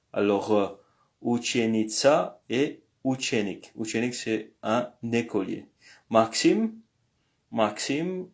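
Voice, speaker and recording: Guy teaching a lesson really slowly, lots of pauses and ums, mid pitch. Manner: slow and hesitant, many pauses and "euh". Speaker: language teacher. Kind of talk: screen-recorded lesson.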